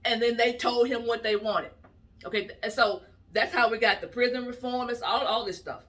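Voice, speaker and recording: A woman political commentator talks straight to her viewers in an emphatic, indignant, conversational way. Her voice is bright and forward. The mic sits a little away from her. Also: a little high, steady tone, normal speed, distant mic. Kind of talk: opinion vlog.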